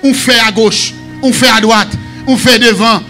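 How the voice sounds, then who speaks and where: Haitian man, pastor, sermon, very high bright voice, shouts and sung phrases, faint music behind. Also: steady tone, unhurried. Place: church.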